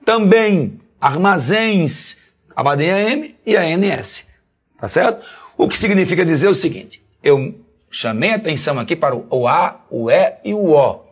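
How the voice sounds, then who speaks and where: A Brazilian man teaches a grammar lesson in a somewhat husky, slightly high voice. His pitch swings widely in a melodic, sing-song way. He slows down on key syllables and keeps asking whether the class follows. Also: animated. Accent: Brazilian Portuguese. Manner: didactic, keeps asking "tá certo?". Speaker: Portuguese teacher.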